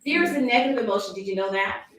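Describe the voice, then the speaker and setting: A woman's voice: mid-range voice, lively intonation, very fast, a bit bright, very echoey, far from the mic, poor audio. A woman giving a motivational talk to her sales team, acting out quoted thoughts and laughing often.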